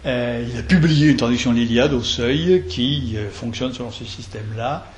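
A man giving a lecture on verse translation, talking in a digressive, halting way with many restarts, reciting lines of poetry and tapping out their rhythm aloud. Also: medium pitch, a crowd in the background. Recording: roomy lecture hall recording, faint noise.

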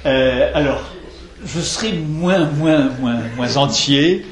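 A man giving a lecture on verse translation, talking in a digressive, halting way with many restarts, reciting lines of poetry and tapping out their rhythm aloud. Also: fairly high pitch. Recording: roomy lecture hall recording, faint noise.

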